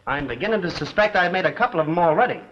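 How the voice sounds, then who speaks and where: An actor playing a brash, wisecracking, nosy newspaper reporter in a 1930s film, talking in flippant slang. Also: male voice, high voice, lively intonation, very fast, a bit bright. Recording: dull, hissy vintage film soundtrack.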